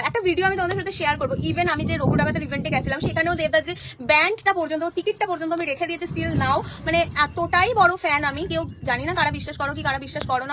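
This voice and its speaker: A young woman talks fast and freely on a live stream from her home, answering viewers' comments as she goes. Her voice sits high. The recording is noisy, with vehicles passing outside. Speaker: content creator on a live stream. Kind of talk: casual live-stream chat. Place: at home, in front of a painted wall.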